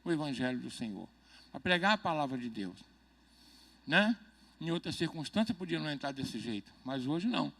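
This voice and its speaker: A man's voice: on the high side, sing-song, moderate pace, creaky, fairly bright tone. A man preaching a midweek church sermon as pastor, talking conversationally, joking and constantly checking the congregation with questions. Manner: jokes and chuckles between points.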